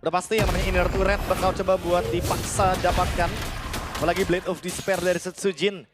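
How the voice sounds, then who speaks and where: A man's voice: high-pitched, level tone, quick pace. A man giving casual live analysis as an esports caster. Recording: loud music under the voice. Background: loud music.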